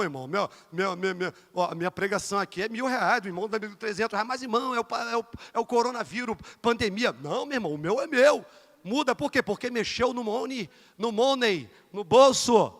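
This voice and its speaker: A man with a Rio de Janeiro accent preaching an evangelical sermon in a church. He is emphatic, swinging between loud bursts and low asides, and calls his listeners dear brother and asks them for amens. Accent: Rio de Janeiro Portuguese. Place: church sanctuary. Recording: reverberant church hall.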